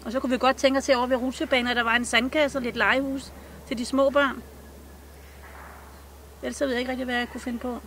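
High-voiced middle-aged woman outdoors. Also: level tone, long pauses, fairly bright tone, slight background noise. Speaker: resident. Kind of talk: vox pop interview. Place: outdoors by a playground.

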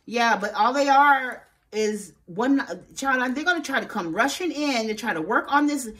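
A woman giving a casual tarot reading, sassy and expressive, swearing freely and talking straight to her viewers. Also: a little high, normal speed. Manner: talks straight to viewers, asks spirit aloud. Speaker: tarot reader.

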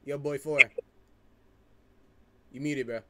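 A man's voice: mid-range voice, steady tone, slow, pushed and bright. Laid-back young man hosting on headset. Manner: loose slangy talk, easygoing, organizing the call. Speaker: host of an online blind date game. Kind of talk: casual streamed chat on a group video call. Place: indoor room, streaming setup.

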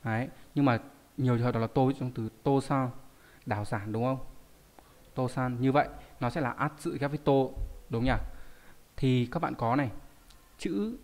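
Male teacher, live online class, conversational explaining, asks questions as he goes, mid-pitched voice. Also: steady tone, normal speed, long pauses, darkish tone. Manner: reads viewer names and explains readings, asking rhetorical questions. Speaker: Japanese teacher.

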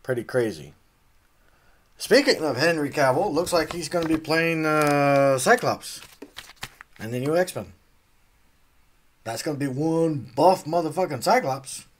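A man's voice: fairly high pitch, animated, a little slow, long pauses, slight background noise. A man casually unboxing comics, rambling, trailing off and swearing offhandedly. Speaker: comic unboxing channel host.

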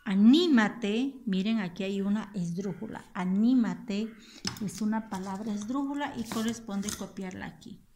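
A woman teacher, giving a recorded lesson to children and slowly repeating and spelling out each word. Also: medium pitch, dark tone, slight background noise. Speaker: school teacher.

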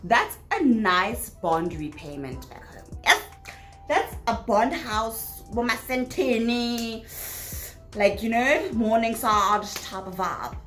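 A young South African woman, her voice on the high side, chats through a casual Q&A vlog from a small bedroom. She's animated, bursts into laughter easily and says "like" constantly. Her laptop camera records her from desk distance, with reverb and soft background music.

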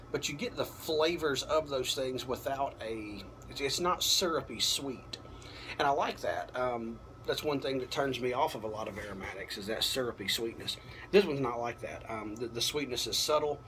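A man in his thirties gives a casual, unhurried product review to camera, often halting as he thinks aloud. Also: mid-range voice, a bit bright. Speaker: pipe tobacco reviewer. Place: apartment balcony at night. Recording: clearly noisy, outdoor ambience.

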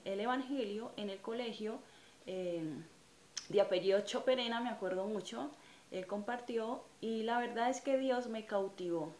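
A woman's voice: medium pitch, darkish tone. A Colombian woman in her thirties giving a personal religious testimony to camera, earnest and reflective, with frequent hesitant fillers. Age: 30s. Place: small indoor room in front of a curtain. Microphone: camera or phone at close range. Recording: echoey room with faint ambient noise.

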